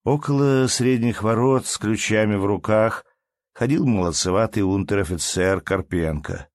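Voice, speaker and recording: A man reads a classic story aloud in a measured, even manner. His voice sits fairly low. The recording is dry and close. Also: dry recording. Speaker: audiobook narrator. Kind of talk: scripted literary narration.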